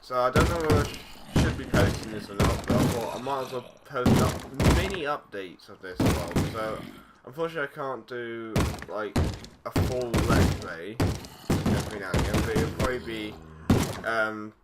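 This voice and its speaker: A man's voice: medium pitch, moderate pace. A young man casually narrating a game, rambling and easygoing with frequent fillers and self-corrections. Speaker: gaming YouTuber. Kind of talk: casual let's-play commentary. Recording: loud background noise with game clicks.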